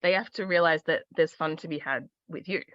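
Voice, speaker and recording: Lower-voiced woman dog trainer. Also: brisk, dull audio. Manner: explains with steady confidence, often checks in with "right?". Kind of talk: casual chat.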